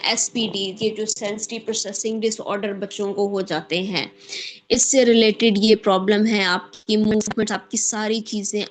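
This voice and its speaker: A woman giving an online lecture on speech disorders, halting often and restarting words as she explains terms. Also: mid-range voice, a little hiss or hum. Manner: halting, repeats and corrects terms, mixes English terms in.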